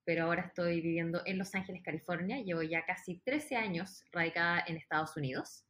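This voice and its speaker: Chilean woman, thirties, bright voice, chatty and laughing podcast guest. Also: fairly low pitch, a little fast. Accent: Chilean Spanish. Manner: chatty, laughs often, animated storytelling. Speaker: guest singer. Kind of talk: casual podcast chat.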